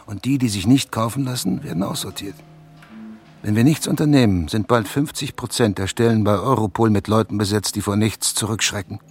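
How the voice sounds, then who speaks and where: With a fairly low, brisk voice carrying a breathy edge, a man voices a driven investigative journalist chasing an exclusive in German radio drama dialogue. His explanation comes across as an urgent, insistent, emphatic warning, with music running underneath.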